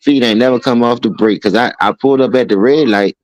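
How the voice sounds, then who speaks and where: A man's voice: medium pitch, fast talker, no echo, poor audio. A man, chatting casually on a podcast and telling loose, profane stories.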